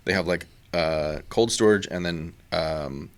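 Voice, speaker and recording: Low-voiced guy chatting on a beer podcast, loose and rambly, lots of ums. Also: measured pace. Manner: relaxed, rambling with many fillers. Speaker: podcast co-host. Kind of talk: casual chat.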